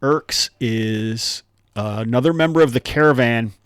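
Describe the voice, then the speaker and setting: A man's voice: medium pitch, measured pace, clear, resonant tone, no room sound. A man running a live tabletop game as game master, explaining rules in a chatty way with lots of fillers.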